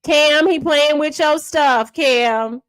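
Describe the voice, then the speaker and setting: Sassy high-voiced woman streamer. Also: slow pace, a bit bright, no room sound, poor audio. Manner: sassy, mocking, calls viewers honey and baby. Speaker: livestream gossip host. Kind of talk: casual commentary to a live chat.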